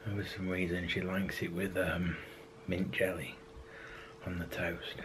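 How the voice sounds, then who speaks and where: Unhurried and low-pitched with little pitch movement, this man's voice sits over background noise. A vlogger in his thirties, he chats casually and hesitantly with many ums to a camera held at arm's length in a daily vlog. He records outdoors in a park, then in his car, then at home.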